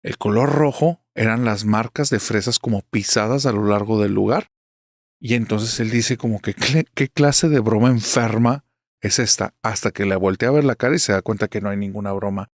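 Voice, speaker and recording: A man's voice: on the low side, fairly quick, no room sound, studio quality. A man narrating a horror story in a chatty way, speaking straight to the listener. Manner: chatty, addresses the listener directly.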